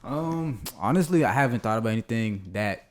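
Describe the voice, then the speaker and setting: A man's voice: medium pitch, expressive, a little fast. Mid-voiced man, unsure and rambling, loose podcast conversation. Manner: unsure, rambling, many fillers. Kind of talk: casual podcast chat.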